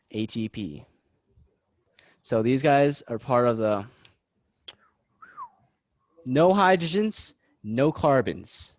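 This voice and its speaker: A young man tutors his classmates in a loose, joking way, poking fun at his own gaps in knowledge. His voice sits at an ordinary pitch. It comes through a dry, dull, lo-fi video call line. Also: a little mellow, no room sound. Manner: loose, joking, self-deprecating. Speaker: student tutor. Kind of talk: casual study-session teaching.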